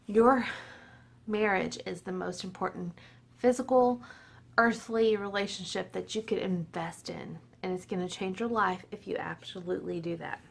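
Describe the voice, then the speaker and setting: A female vlogger in her forties chats casually to her viewers from home, slightly tipsy, laughing often and poking fun at herself. Her mid-range voice is gravelly and steady, at a normal speed, with slight background noise.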